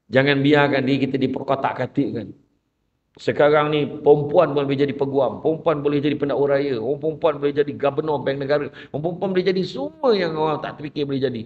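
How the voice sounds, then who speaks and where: Animated Malaysian Malay male panelist with a fairly high voice, recorded from across the room. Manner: animated storyteller who acts out quoted voices. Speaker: panelist and motivational speaker. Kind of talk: lively debate talk show. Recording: distant, dull lo-fi sound.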